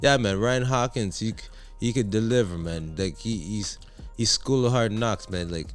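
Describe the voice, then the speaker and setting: A man chatting casually about basketball as co-host, animated and slangy, joking and repeating himself. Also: lowish voice, moderate pace, soft background music. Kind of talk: casual sports chat.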